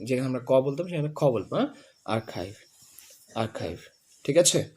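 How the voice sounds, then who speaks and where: A man teaching English pronunciation, saying each word slowly and over and over for a student to copy. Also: mid-range voice, a little mellow, slightly rough. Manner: repeats words slowly, drilling the student. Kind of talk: pronunciation lesson.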